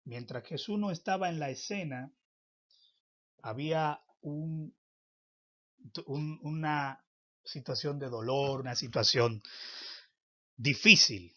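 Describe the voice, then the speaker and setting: A man teaching a Bible lesson in a preaching style, with emphatic, drawn-out phrasing and sudden loud stresses. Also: on the high side. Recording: dull lo-fi recording.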